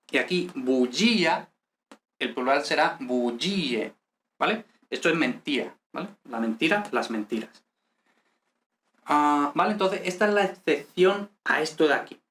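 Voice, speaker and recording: A man's voice: a little high, a bit bright. Patient Spanish-speaking grammar teacher, man. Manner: patient, repeats "¿vale?" to check understanding. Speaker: language teacher. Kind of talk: explaining grammar in a video class.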